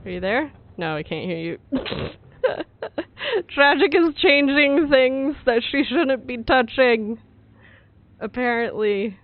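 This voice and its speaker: A man's voice: extremely high pitch, expressive, slow pace, no echo. A man co-streaming in casual chat over a voice call, his voice muffled as if coming through a wall. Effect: muffled, as if talking through a wall. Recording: muffled phone-like voice call with faint noise.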